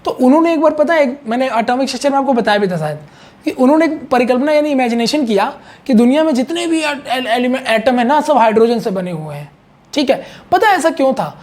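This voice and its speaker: An expressive, fast-talking man with an extremely high pitch and a slightly mellow tone explains chemistry in an online lesson. He is chatty and repetitive, often pausing to check on his students.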